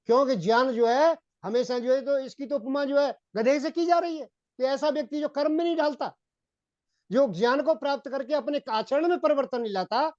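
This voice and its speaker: A man giving a Hindi-accented sermon on Vedic philosophy, repeating phrases and often addressing his listeners as gentlemen. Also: very high-pitched, no echo. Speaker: Vedic preacher. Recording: dull, dry lo-fi recording.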